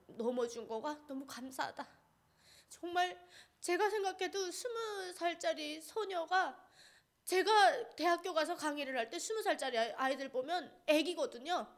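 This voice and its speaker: High-voiced woman from North Korea. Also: measured pace. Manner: earnest, vivid storytelling with many fillers. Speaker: speaker giving personal testimony. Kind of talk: emotional personal testimony.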